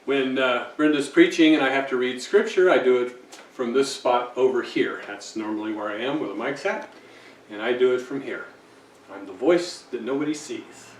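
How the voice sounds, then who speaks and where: Brief: man, middling pitch, dry and wry, recorded from across an echoey room with faint noise. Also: moderate pace, far from the mic. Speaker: scripture reader and service helper. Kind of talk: casual explanation. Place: house set up as a worship studio.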